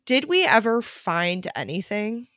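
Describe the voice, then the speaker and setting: Young woman, mid pitch, lively chatty, dry close mic. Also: unhurried, no room sound. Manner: animated, full of fillers. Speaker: podcast co-host. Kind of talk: casual chat.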